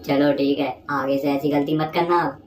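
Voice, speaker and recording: A woman's voice: low voice, steady tone, moderate pace, darkish tone, soft background music, lightly acted. A woman voicing an upset young husband who scolds sternly in a cartoon story. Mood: reproachful. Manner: stern, reproachful. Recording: echoey room, distant mic, faint noise.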